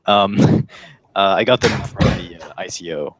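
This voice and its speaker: A man's voice: sits low, a little slow, a little hiss or hum. A man chatting casually on a livestream through a headset mic, easygoing and full of fillers and hesitations. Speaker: engineer and cardist guest on a livestream.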